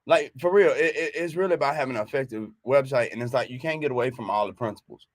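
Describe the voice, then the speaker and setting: A man's voice: mid-range voice, quick pace, no room sound. A man co-hosting a business talk show, chatting casually and animatedly, laughing often and repeating words as he gets going.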